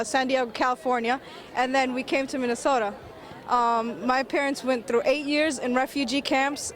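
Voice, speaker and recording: A woman from Iraq gives earnest answers in a street interview at an outdoor protest. Her voice sits high, and she talks in quick bursts.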